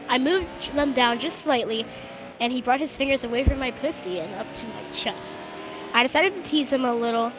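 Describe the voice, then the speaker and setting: A woman's voice: a little high, noisy background. Giggly, crude young woman on a headset. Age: young adult. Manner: crude, giggly, reads in a flat monotone. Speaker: gaming streamer. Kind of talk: casual stream chat and reading fan fiction aloud. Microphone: gaming headset.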